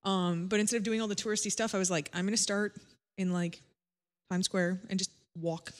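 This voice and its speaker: A woman's voice: mid-range voice, steady tone, brisk. A woman on a podcast, telling stories in a playful, upbeat way. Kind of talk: casual chat.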